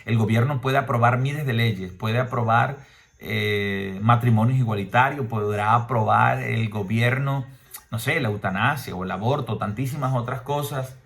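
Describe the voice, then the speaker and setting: Male priest, homily delivery, emphatic, medium-pitched voice, rhetorical questions. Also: normal speed, gravelly, a bit bright. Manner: mimics people in higher voices.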